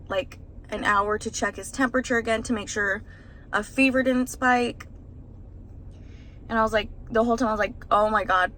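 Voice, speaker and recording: Still shaken and stressed, a young woman who has just become a mother rambles through an emotional vlog story in a casual way, filling it with fillers. Her voice runs on the high side and a bit bright, captured in a low-quality recording.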